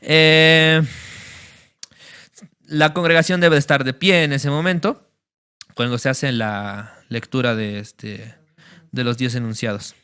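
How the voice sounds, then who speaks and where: Bright-voiced man teaching a class. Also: mid-range voice, fairly even intonation, slow pace, long pauses, clear, resonant tone. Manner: explanatory, checks understanding with the class, many fillers. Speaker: religious teacher.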